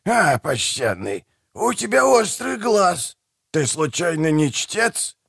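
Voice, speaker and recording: A man voicing a toothless old male street trader who is wheedling and theatrical, with a husky voice and fawning, conspiratorial patter. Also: a little high, very animated, slow pace, fairly bright tone, no room sound, clean studio sound, pitched above the performer's own voice, heavily acted. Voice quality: gravelly, husky. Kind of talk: audiobook character voice.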